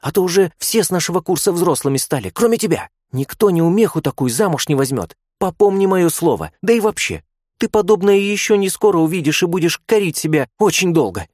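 Man doing a bossy, teasing young nurse, high voice, lively. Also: fairly quick, no room sound, clean studio sound. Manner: bossy, mocking.

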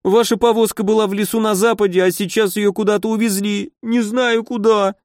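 Man voicing a terrified weepy teenage boy, way up high, whiny, storybook. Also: little pitch movement, a little fast, a little mellow, no echo, clean studio sound, close to an everyday voice. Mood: tearful. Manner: whiny, tearful, voice breaking high. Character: frightened sobbing teenage boy thief.

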